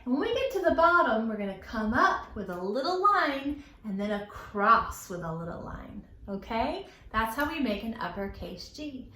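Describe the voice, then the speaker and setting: A middle-aged woman hosts a children's library storytime, her fairly high, sharp voice very animated at normal speed with hardly any pauses. She uses simple sing-song phrases, rhymes, emphatic words and questions to young viewers. The recording has a roomy echo and background noise.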